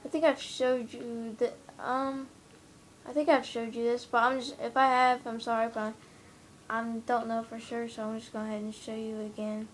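A woman with a fairly high, flat voice speaks at a moderate pace, a faint hiss or hum in the background. She records the TV screen on a handheld camera in her room at home, rambling through a casual tour of her game build with lots of hesitant fillers.

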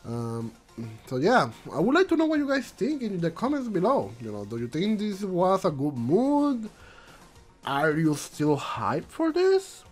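A man hosts a casual commentary vlog in a high-pitched voice with huge pitch swings at a measured pace, over soft background music. Allergies have him stuffy and congested, and he rambles, repeats himself and often restarts sentences in English that isn't his first language.

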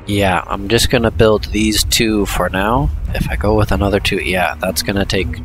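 A man giving casual let's-play commentary, thinking aloud in an unhurried way with hesitant asides. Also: on the low side, fairly even intonation, music in the background. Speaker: gameplay commentator.

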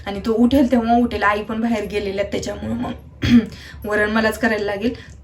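A young woman chatting casually through a home vlog, talking softly and rambling about her day as a mother. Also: mid-range voice, flat delivery, a little fast, slight background noise. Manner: chatty, soft-spoken, rambling asides. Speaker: vlogger and mother.

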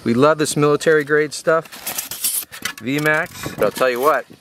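A man's voice: a little high, measured pace, background noise. A man in his forties on a sailboat deck outdoors, casually talking through a repair as he works, thinking aloud and muttering at the job. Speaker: sailing vlogger. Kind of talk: casual narration while working.

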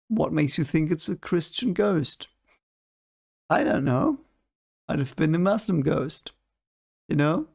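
Young man with a gravelly, skeptical voice. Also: on the high side, a little mellow. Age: young adult. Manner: skeptical, dismissive, searches for words. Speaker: reaction video host. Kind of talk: casual reaction commentary. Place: home room at a desk. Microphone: desk microphone in front of him.

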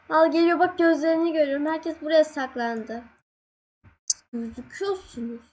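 A young woman casually commenting on her gameplay, excitable, laughing and yelping when scared. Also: high-pitched, normal speed, muffled recording. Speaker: gaming channel host.

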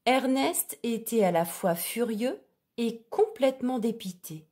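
A woman reading a children's storybook aloud in a clear, expressive way. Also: fairly high pitch, measured pace.

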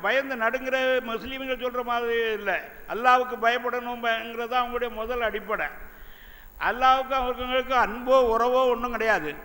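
An older male pastor with a very high, bright voice preaches slowly through scripture on an indoor church conference stage, reading verses aloud into two desk microphones. A long hall reverb trails his words.

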